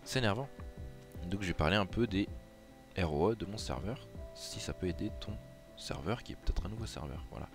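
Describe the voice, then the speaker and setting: A man with a very low voice talks through a game tutorial in a casual, rambling way, full of hesitations and restarts. Faint music plays underneath his voice. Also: animated, brisk. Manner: chatty and hesitant, many fillers and restarts. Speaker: gaming YouTuber. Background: background music.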